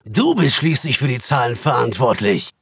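A man voicing a harsh, irritable bank CEO who speaks in a curt, scornful way, with a husky voice. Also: mid-range voice, sing-song, moderate pace, no room sound, studio quality, heavily acted.

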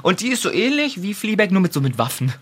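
A woman co-hosting a casual talk, retelling a series with quick quoted asides and lots of fillers. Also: medium pitch, big pitch swings, slightly rough. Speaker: podcast co-host recommending a series. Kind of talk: casual chat.

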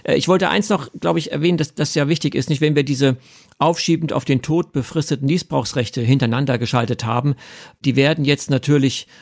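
A man hosting a podcast, explaining inheritance matters in a measured way with occasional fillers. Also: medium pitch, creaky, no room sound, studio quality. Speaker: podcast host.

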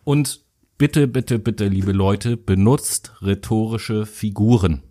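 A man's voice: lowish voice, slow, dark tone. A man co-hosting a casual educational show, speaking with sarcastic, mocking humor and crude jokes. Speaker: co-host.

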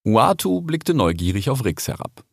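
A man reads a storybook aloud with expressive, animated delivery. His pitch moves a lot across each sentence, at a mid male level. The recording is dry and close, with no room sound. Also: normal speed, creaky, husky, dry recording. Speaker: narrator. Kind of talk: audiobook narration.

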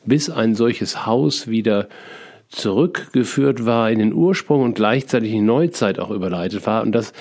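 A middle-aged man slowly telling a personal, spiritual life story, reflective and full of small hesitations and restarts. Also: on the low side, animated, darkish tone. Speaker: feng shui consultant telling his life story.

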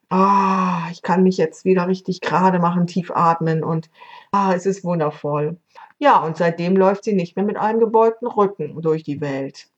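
Calm woman reading a fable. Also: on the low side. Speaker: podcast host and storyteller. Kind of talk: storybook narration. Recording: dull lo-fi recording.

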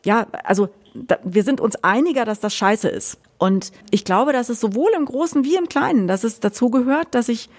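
A middle-aged woman talking candidly in a conversation, outspoken and animated, often restarting her sentences. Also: a little high, normal speed. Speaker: guest, author. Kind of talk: conversational discussion.

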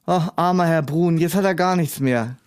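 Male comic sketch voice, high-pitched, smug and scoffing know-it-all. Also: normal speed, a little mellow, clear, resonant tone. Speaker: comedy sketch regular. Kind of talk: scripted comedy sketch dialogue.

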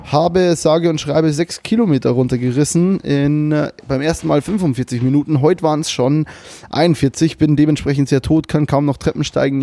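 This podcast co-host is a young man on a remote call at his webcam-equipped computer. He talks casually, throwing in slang, curses and English words. His voice is a little high, creaky and dark, and the recording is dry.

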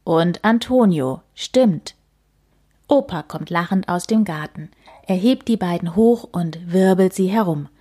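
A woman gently narrating a children's storybook, often near a whisper. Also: lowish voice, moderate pace, slightly rough.

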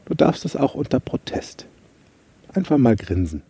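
Chatty guy podcasting, dry close mic, bouncy pitch, likes joking about himself. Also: normal speed, slightly rough, dry recording. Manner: chatty, self-mocking, lively storytelling. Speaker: podcast host, coach. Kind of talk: casual motivational podcast monologue.

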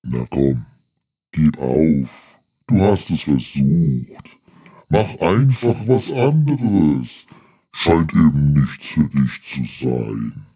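A man voicing a deep, tired inner voice that talks him into giving up, slow and resigned. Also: sing-song, dark tone, husky, full character voice. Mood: defeatist. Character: deep weary male inner voice urging surrender.

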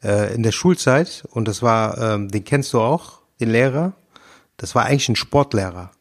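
A man in his forties, co-hosting a casual podcast and telling a school story in a measured way. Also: fairly low pitch, expressive. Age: 40s. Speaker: podcast co-host. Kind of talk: casual chat.

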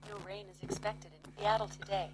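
A female voice assistant speaking in a flat, synthetic text-to-speech manner from a small speaker. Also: medium pitch, fairly quick, a little hiss or hum. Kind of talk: even robotic announcements.

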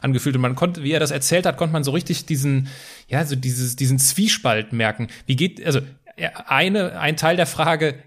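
A man interviewing a guest and asking questions in a measured, somewhat hesitant way. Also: on the high side, a bit bright.

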